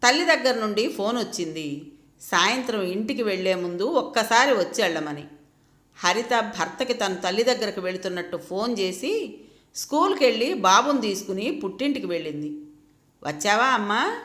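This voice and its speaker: A woman reading a story aloud as scripted narration, in a steady, measured way. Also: mid-range voice, roomy sound.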